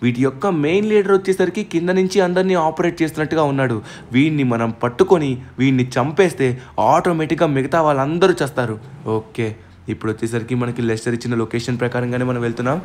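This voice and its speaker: A man narrating his own game story with excitement, loudly exclaiming and hurling dramatic threats at his foes. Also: mid-range voice, fast talker. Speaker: gaming channel narrator and player.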